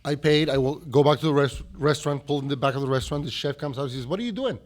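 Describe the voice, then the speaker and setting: A man's voice: mid-range voice, very fast. A man from Mexico with a Mexican accent, a restaurant owner being interviewed, telling stories animatedly, acting out quotes and restarting his phrases. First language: Spanish. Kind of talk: storytelling interview.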